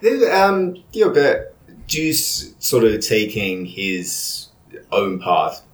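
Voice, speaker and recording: Low-voiced English podcast host, hesitant. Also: male voice, sing-song, takes it slowly. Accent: English, Cambridge. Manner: hesitant, many ums and you-knows, chuckles. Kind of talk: casual podcast chat. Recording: echoey room.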